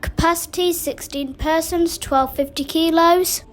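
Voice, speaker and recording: High-pitched woman narrating a casual tour. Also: steady tone, measured pace, faint music behind. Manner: simple, factual commentary in short statements. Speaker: video host. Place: inside lifts in public buildings.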